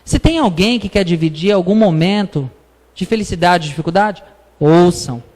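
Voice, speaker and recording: A man's voice: sits high, lively intonation, a little fast, a little mellow. A man giving an informal spiritist talk, telling stories in a chatty way with frequent tag questions. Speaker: lecturer at a spiritist center. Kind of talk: public talk, informal sermon. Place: lecture hall. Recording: long reverb of a hall.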